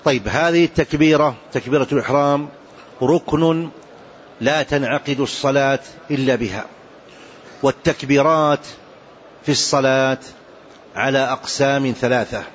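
A man delivering a religious jurisprudence lesson at a measured, deliberate pace, often repeating key phrases. His voice sits at an ordinary middle pitch. The recording is dull and lo-fi, with a faint background hiss. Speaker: Islamic jurisprudence teacher.

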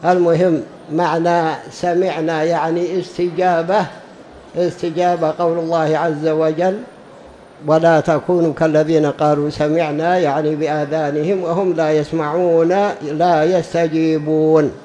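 Emphatic high-voiced male preacher. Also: flat delivery, normal speed, mellow, a little hiss or hum, rough recording. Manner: emphatic, repeats key phrases for stress; drawls words out when demonstrating pronunciation. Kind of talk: religious lesson.

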